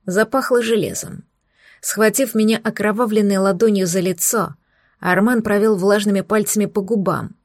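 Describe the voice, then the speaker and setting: A woman's voice: mid-range voice, steady tone, moderate pace, no room sound, studio quality. A woman reading a first-person novel aloud, with an intense and dramatic telling. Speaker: audiobook narrator. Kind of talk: first-person audiobook narration.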